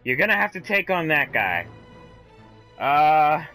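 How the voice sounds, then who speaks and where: A man's voice: on the high side, very animated, a little slow, sharp tone, faint music behind. A man doing casual let's play commentary, thinking aloud, reactive and sweary, talking to the game's characters.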